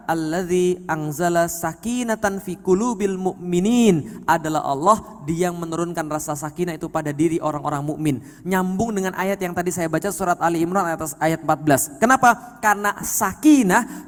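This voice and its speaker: A man preaching an Islamic lecture to a live audience, lively and emphatic, swinging from quiet to loud and often checking that listeners understand. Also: sits high. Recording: long hall reverb.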